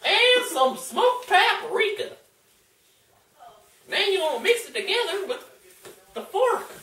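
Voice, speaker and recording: A very high, squeaky cooking-show host played by a young man who slides all over his register and takes his time over every word. He hams it up with a folksy drawl, calling out to the folks at home. The sound is a roomy home kitchen picked up by a camera across the room, with a bit of clatter behind. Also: big pitch swings, slow pace, full character voice. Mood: hammy. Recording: echoey kitchen, far camera mic, faint noise.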